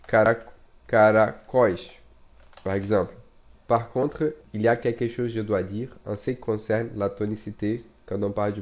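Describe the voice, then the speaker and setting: A man with a Brazilian Portuguese accent and a slightly mellow, lowish voice teaches a casual online French lesson. He speaks slowly with many fillers and restarts, repeating and spelling out words as he types them.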